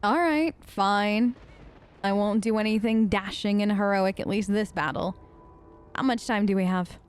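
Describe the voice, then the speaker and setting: Chatty and playful, a young woman answers the game's characters in her own voice while streaming a role-play playthrough with casual commentary. Her voice sits at a medium pitch, smooth and unhurried.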